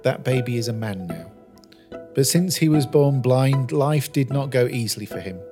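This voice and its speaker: Male preacher narrating a story for a sermon; measured, earnest, mid-range voice. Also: medium pitch, a little mellow.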